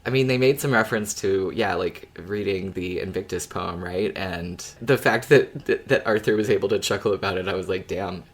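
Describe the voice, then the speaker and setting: A low-pitched podcast co-host chats casually about an audio drama at a moderate pace with few pauses. They ramble informally through their thoughts, dropping the odd swear word.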